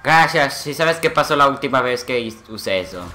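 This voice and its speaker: A man giving excitable gameplay commentary, swearing and making gun noises. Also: medium pitch, moderate pace, a little hiss or hum. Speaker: gamer playing a shooter.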